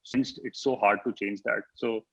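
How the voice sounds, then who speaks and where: Male moderator on a choppy, breaking-up call line; gravelly, dull lo-fi sound, halting delivery. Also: fairly low pitch, steady tone, dry recording. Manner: halting, with many fillers. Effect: choppy audio that cuts in and out on a breaking-up call. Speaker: panel moderator. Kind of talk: panel discussion over a video call. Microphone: video call. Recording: dull, dry, lo-fi call audio.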